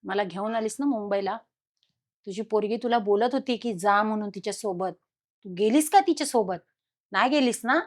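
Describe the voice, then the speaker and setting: A woman's voice: medium pitch, moderate pace, darkish tone, close to an everyday voice. Woman voicing a possessed woman's taunting voice. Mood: menacing taunt. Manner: menacing, taunting. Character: possessed young woman speaking with a man's voice.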